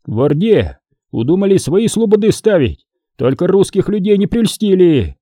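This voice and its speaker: A bold, loud ex-outlaw who mocks a nobleman and stirs up a crowd, as a male narrator puts him on. The voice sits well above the narrator's own and swings widely, yet stays dark. It is recorded dry and close. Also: high-pitched, big pitch swings, moderate pace, no room sound, voice pushed up. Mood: rousing. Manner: blustering, shouting and mocking. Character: bold gruff former outlaw, boastful commoner man. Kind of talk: audiobook character voicing.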